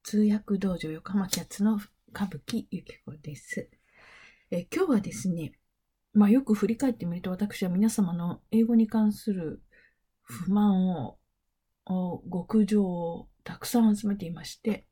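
A middle-aged woman explains things in a calm, unhurried lecture. Her voice is warm and mellow with a husky edge, and now and then she sinks to a near whisper. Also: medium pitch. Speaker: English interpreting teacher.

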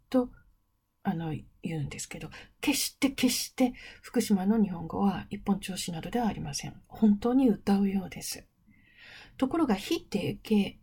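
A woman's voice: mid-range voice, gravelly, mellow, breathy edge. A middle-aged woman hosting an interpreting training talk, explaining things in a chatty, teacherly way with playful asides. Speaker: host of an interpreting training program. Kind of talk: casual lecture-style talk.

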